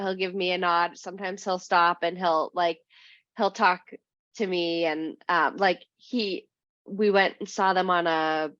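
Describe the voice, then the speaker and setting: A young woman from New Hampshire, a podcast guest telling a long anecdote casually, full of "like" and "um", and lively when she quotes people. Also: fairly low pitch, no echo. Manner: rambling, heavy use of "like" and "um"; animated when quoting others. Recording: dry, slightly muffled podcast mic.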